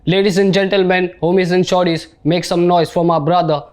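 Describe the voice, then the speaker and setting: A man's voice: sits high, fairly even intonation, fairly quick. A man hosting a casual podcast interview in an informal, slangy way. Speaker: podcast host.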